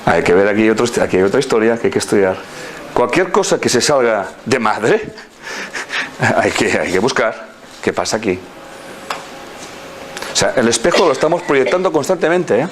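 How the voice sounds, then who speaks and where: Give me a man, middle-aged, with very expressive pitch, telling stories in a talk. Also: normal speed, long pauses, slight background noise. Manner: storytelling, acts out quoted people in a higher voice. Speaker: speaker on personal growth. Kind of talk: lively motivational talk.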